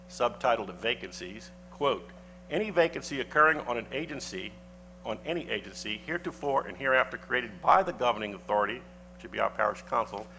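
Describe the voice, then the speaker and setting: Formal council member reading a statement. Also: male voice, medium pitch, pushed and bright, slight background noise. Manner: formal, deliberate, reading legal citations. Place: council chamber.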